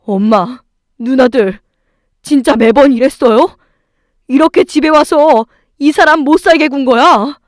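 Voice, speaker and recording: A woman voicing a furious young husband who shouts at his family to defend his wife in a story reading. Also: high voice, a little slow, dry recording, clean studio sound, voice pushed up. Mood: outraged. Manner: shouting, indignant.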